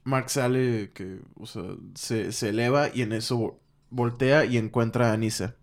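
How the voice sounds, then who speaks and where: A man's voice: fairly even intonation, moderate pace. Mexican man animatedly recapping a comic. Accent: Mexican Spanish. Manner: acts out characters' lines with raised pitch. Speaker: podcast co-host recapping a comic book. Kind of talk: casual storytelling recap.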